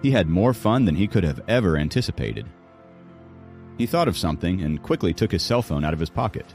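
A man reading a novel aloud as audiobook narrator, in steady scripted narration. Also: low voice, a little fast, creaky, faint music behind.

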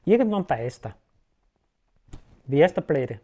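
A man's voice: on the high side, sing-song, a little slow, dark tone, dull audio. A man, explaining ideas casually to the viewer in a loose, rambling way and often checking in with "ja?". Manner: keeps asking "ja?" to check in with the listener. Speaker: self-help video host. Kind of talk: casual explanatory talk to camera.

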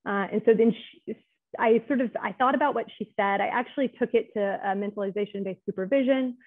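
A woman therapist gives a relaxed, chatty presentation, often turning to her listeners with a quick "right?". Her voice sits at an ordinary middle pitch. It comes through a thin, phone-like video call line. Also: dry recording. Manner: chatty, keeps asking "right?" to check in with listeners. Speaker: clinical social worker presenting to clinicians. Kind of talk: conversational webinar presentation. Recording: tinny phone-like audio.

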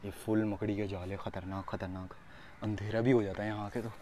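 A man filming a casual vlog outdoors in thorny scrubland, talking excitedly to the camera and dropping to a hush as he creeps closer. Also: on the low side, brisk, slight background noise. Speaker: vlogger. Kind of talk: casual vlog narration while searching.

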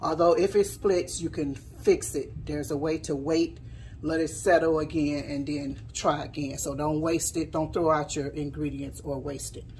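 A woman's voice: sits low, fairly even intonation, normal speed, darkish tone, a little hiss or hum. A woman hosting a home cooking demonstration in her kitchen, chatting casually and stopping now and then to tidy up and explain as she works. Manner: chatty, stops to tidy and explain mid-task. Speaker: home cooking channel host. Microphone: camera on the counter, speaker mostly off frame.

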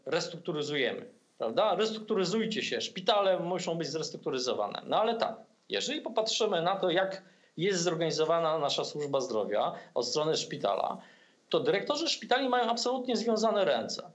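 A Polish-accented man in his fifties talks through a laptop webcam from a room at home. His voice sits high for a man, and he hesitates, breaking off with fillers and restarts as he argues his point in a political discussion. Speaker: political commentator guest. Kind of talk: video-call political discussion. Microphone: laptop webcam on video call.

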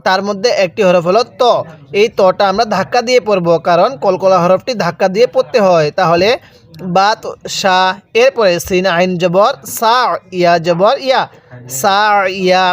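A man with a Bangladeshi Bengali accent, his voice pitched well above most men's, teaching Quran reading in a spoken tutorial. He sounds out each letter and syllable slowly, drawing them out one by one. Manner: slow, drawn-out letter-by-letter recitation.

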